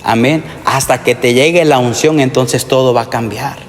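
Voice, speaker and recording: A man's voice: mid-range voice, moderate pace. A man preaching a testimony sermon to young people, earnest and addressing them directly with calls for amen. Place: church sanctuary. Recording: long hall reverb.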